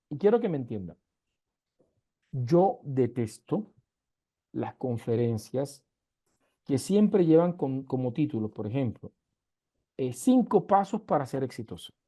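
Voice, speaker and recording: Teaching an online university class over a video call, a lecturer from Colombia's Caribbean coast speaks in that region's accent, emphatic and full of rhetorical questions. His voice is a little high with a dark tone.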